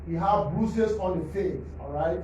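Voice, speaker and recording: Explaining autopsy slides at a government press briefing hall, a Liberian forensic pathologist teaches the press point by point, asking "all right?" after each one. His voice is high and darkish at a measured pace, with slight background noise. A distant mic makes the hall sound echoey and muffled.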